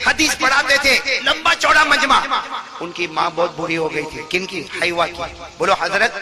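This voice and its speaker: High-voiced man preaching a sermon. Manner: calls on the crowd to repeat, rises to loud cries. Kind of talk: emotional religious sermon.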